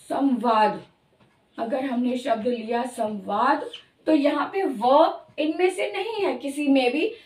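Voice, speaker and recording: A woman teaching Hindi grammar, explaining slowly and drawing out each sound she demonstrates. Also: high-pitched, reverberant, recorded from a distance. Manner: slow, careful, drawn-out demonstration of sounds. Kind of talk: explanatory lesson.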